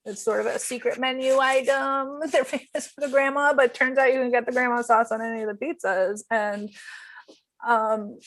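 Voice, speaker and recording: Woman, improv comedian, somewhat high voice, chatty. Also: fairly even intonation, normal speed, a bit bright. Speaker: improv performer.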